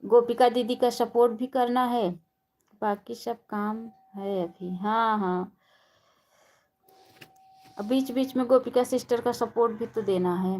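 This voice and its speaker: A woman's voice: on the high side, steady tone, a little slow, pauses often, darkish tone. A woman hosting a casual live stream, chatting while doing housework and greeting viewers one by one by name.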